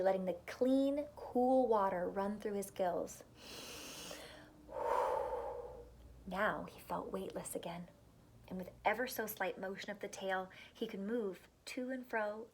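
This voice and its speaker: A woman teacher reads a storybook aloud to children, full of expression, dramatic pauses and emphasis. Her voice is mid-range, and there's a little hiss or hum in the recording.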